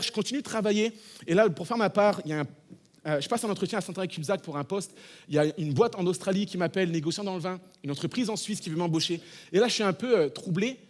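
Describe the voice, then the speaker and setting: Fast-talking high-voiced male preacher. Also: breathy edge. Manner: animated storytelling, shifting from hushed to loud. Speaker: pastor. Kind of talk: sermon. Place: church.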